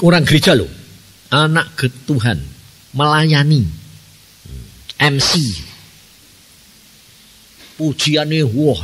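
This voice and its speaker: Husky-voiced preacher with a Javanese accent. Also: male voice, a little high. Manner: animated storytelling, asks the congregation questions. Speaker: evangelist preacher. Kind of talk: sermon. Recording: reverberant church hall.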